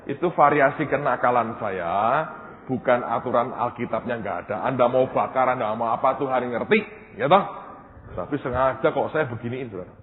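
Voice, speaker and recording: A male pastor preaching a storytelling sermon, acting out dialogue and swinging from loud to hushed. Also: mid-range voice, a little fast, slight background noise. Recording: tinny phone-like sound, long hall reverb.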